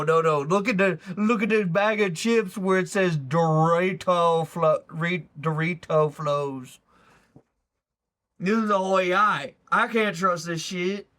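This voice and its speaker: A man's voice: sits high, sharp tone. Rambling male streamer chatting casually. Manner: loose, rambling, swears and talks to chat. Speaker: live streamer. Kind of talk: casual reaction stream chat.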